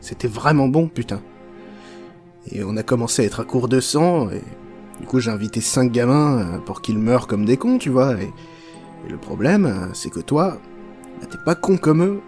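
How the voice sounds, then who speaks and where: A foul-mouthed, unhinged chocolate factory owner rambles through his speech, mocking everyone around him and swearing freely, as a man plays him. His voice sits at an ordinary middle pitch with a casual, offhand delivery, set in a comic parody. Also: lively intonation, normal speed, darkish tone, soft background music, lightly acted.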